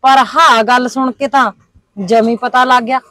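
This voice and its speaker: A woman's voice: high voice, fairly even intonation, moderate pace, pushed and bright. A woman playing a worried Punjabi headman's wife. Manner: worried, complaining. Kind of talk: village comedy drama.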